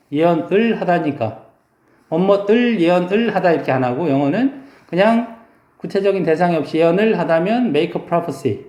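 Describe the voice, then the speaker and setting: A male English teacher giving a vocabulary lesson, explaining slowly and drawing out English words to model their pronunciation. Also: fairly high pitch, dark tone, echoey room.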